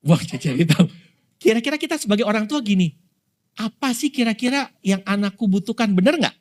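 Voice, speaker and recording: A man, preaching as a pastor in a relaxed, conversational way and often asking his congregation questions. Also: high voice, a little fast. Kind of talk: sermon. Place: prayer room in a mall.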